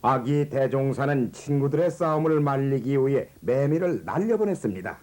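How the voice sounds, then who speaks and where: A man narrating a children's animated biography in a gentle, measured storytelling manner. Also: medium pitch, a crowd in the background. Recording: narration over background music.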